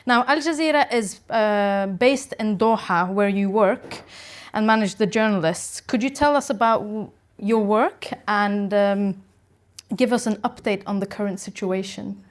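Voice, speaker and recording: A woman's voice: mid-range voice, a little slow. Polite Norwegian-accented woman host. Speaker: event host and interviewer. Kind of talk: reading a prepared introduction.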